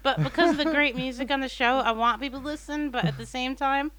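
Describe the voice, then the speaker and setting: A woman's voice: high-pitched, fast, over a noisy crowd. A woman co-hosting a show who teases her partner with exasperated banter. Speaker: radio show co-host. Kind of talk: casual joking chat.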